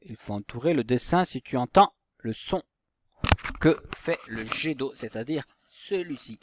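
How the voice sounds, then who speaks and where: Patient male teacher, slow clear words. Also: medium pitch, expressive, background noise. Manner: slow, patient, stresses each example word. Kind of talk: recorded phonics lesson for young pupils.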